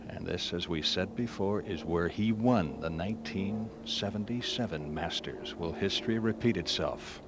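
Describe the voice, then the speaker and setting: A deep-voiced man calls golf as a commentator, keeping his phrases brief and understated with room between them. Clear outdoor noise sits behind him on a 1970s TV broadcast. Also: normal speed, few pauses. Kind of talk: live golf tournament commentary.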